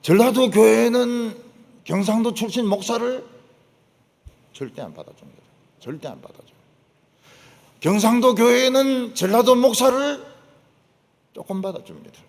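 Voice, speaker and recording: An older man preaching, emphatic, repeating his points and dropping to low asides. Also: animated, measured pace, gravelly, pauses often, a little mellow. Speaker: pastor. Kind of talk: sermon. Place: church sanctuary. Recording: long church hall reverb.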